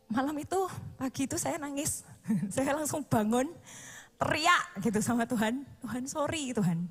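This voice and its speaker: High-voiced woman preaching casually. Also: expressive, normal speed. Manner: casual, mixes in English phrases; acts out her own prayers in a pleading voice. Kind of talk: sermon.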